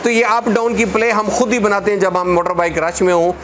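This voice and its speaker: A man's voice: high voice, little pitch movement, fairly quick, a bit bright, slight background noise. A man, a motorcycle mechanic earnestly giving repair tips to camera in his parts shop, speaking on a lapel mic. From Pakistan. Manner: earnest, repetitive, hands gesturing. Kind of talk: talking-head repair tips. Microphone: clip-on lapel mic.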